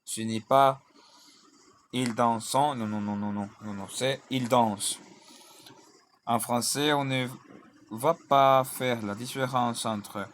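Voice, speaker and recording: A man's voice: mid-range voice, fairly even intonation, measured pace, a bit bright, slight background noise. A man teaching a grammar lesson, drilling verb conjugations in lists and spelling out word endings letter by letter. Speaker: language teacher.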